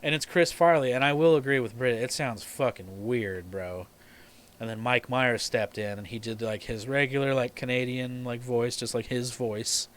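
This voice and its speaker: A young man in his twenties talks loosely and at length on a live stream. He swears freely, trails off into side stories and laughs often, at a mid-range pitch. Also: normal speed, fairly bright tone. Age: 20s. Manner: rambling, profane, laughs often. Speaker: podcast host. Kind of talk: casual chat.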